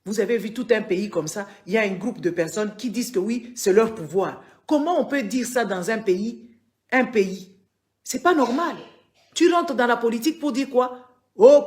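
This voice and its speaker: A woman's voice: on the high side, animated, moderate pace, a little mellow. A woman from Congo, giving political commentary on a live stream. She lectures her viewers, scolding and emphatic, and repeats words for force. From Democratic Republic of the Congo.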